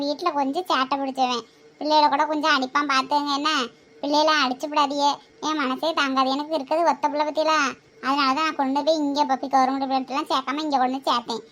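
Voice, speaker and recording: A woman's voice: sits high, flat delivery, fast talker, a bit bright. A woman playing a fussing, doting mother. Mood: coaxing. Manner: coaxing, fussing and pleading. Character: anxious doting mother leaving her son at school.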